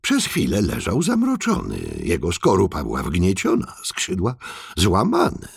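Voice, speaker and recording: A man narrating a children's audiobook in a very expressive, slow storytelling manner. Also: sits low, creaky, breathy edge, no room sound, clean studio sound.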